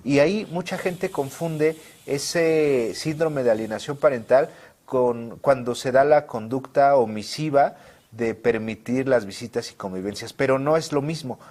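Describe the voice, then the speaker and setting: A man hosts a talk show. His voice sits at an ordinary middle pitch. He speaks formally and sums up the points under discussion. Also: unhurried, darkish tone.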